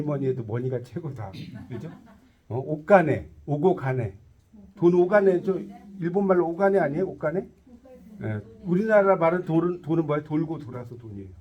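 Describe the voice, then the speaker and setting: A man's voice: on the high side, lively intonation, normal speed, highs cut off. A man teaching a tarot lecture to a class, quizzing his students and cracking jokes as he explains. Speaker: tarot instructor.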